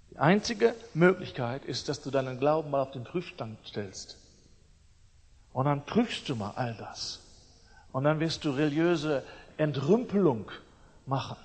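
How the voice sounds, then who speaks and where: High-voiced German preacher in a hall. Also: male voice, slightly rough. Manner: emphatic, swings between loud declarations and quiet asides. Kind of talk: sermon.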